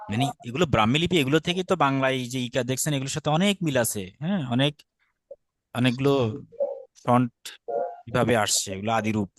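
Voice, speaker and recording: A man's voice: medium pitch, dry recording. A man teaching Sanskrit letters, patiently repeating and demonstrating each stroke. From Bangladesh. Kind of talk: step-by-step script lesson.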